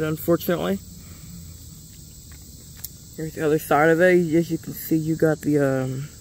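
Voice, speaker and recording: A man's voice: on the high side, slight background noise. A man giving a casual, rambling toy review, often stopping and restarting mid-sentence. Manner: plain-spoken, drops a curse casually.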